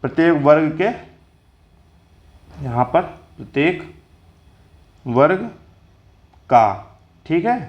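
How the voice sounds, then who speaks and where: A man teaching Hindi grammar in a spoken lesson, explaining step by step and repeating each definition for his viewers. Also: mid-range voice. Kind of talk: slow spoken classroom lesson.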